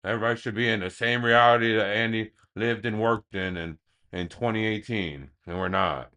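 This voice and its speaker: A man rambling like a stoner in a casual livestream chat, halting and repeating himself as he goes. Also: fairly low pitch, bright, forceful tone. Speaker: livestream host. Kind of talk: casual rambling open chat on a smoke session stream.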